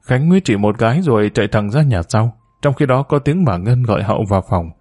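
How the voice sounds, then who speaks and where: A man's voice: medium pitch, expressive, fairly quick, darkish tone, breathy edge, no echo, studio quality. Man narrating a domestic story steadily.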